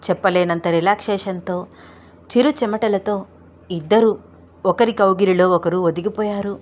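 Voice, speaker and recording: A woman reading a romance story aloud as narrator, in a smooth, steady and softly descriptive way. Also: mid-range voice, normal speed.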